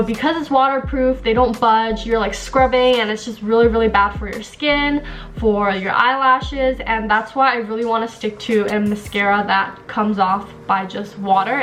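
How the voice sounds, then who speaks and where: A woman's voice: a little high, steady tone, normal speed, a bit bright, faint music behind. A young woman from Taiwan, a beauty vlogger chatting casually to a close camera in a small bedroom, upbeat and filler-heavy.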